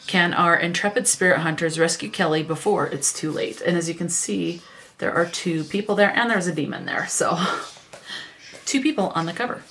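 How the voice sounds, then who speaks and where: A woman's voice: fairly low pitch, moderate pace, a bit bright. A woman hosting a casual book vlog, chatting and reading book synopses aloud, with small stumbles and self-corrections. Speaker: book vlogger.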